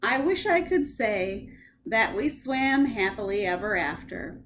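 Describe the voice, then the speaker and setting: Animated woman reading bedtime stories. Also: mid-range voice, measured pace. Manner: expressive, animated storytelling. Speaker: librarian.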